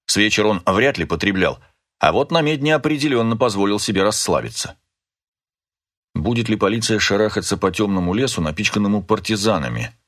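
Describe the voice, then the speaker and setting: A man narrating an audiobook in a measured, even scripted reading. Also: fairly low pitch.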